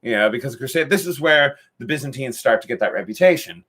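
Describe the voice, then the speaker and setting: Bright-voiced jokey history-podcast man. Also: medium pitch, lively intonation, quick pace. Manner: rambling and jokey, with filler and restarts. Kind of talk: casual joking history chat.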